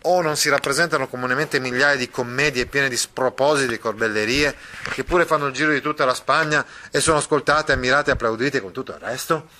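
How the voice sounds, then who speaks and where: A man reading as a brisk, money-minded puppet master. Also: mid-range voice, bright, forceful tone, slight background noise, pitched above the performer's own voice, close to an everyday voice. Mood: persuasive. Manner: brisk and persuasive. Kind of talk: reading a novel aloud.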